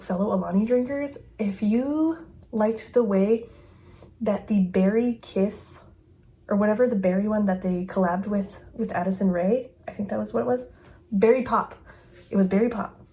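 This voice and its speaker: A woman's voice: medium pitch, warm tone. A woman in her thirties chatting casually at home as she reviews fragrances, thinking aloud with giggles and a phone mic. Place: home bedroom with dresser.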